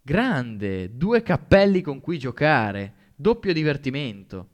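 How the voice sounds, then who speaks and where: A man voicing a sarcastic teenage boy bully in an audiobook, with a slow mocking drawl. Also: mid-range voice, big pitch swings. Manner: mocking, drawn-out taunting delivery. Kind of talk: audiobook character voice.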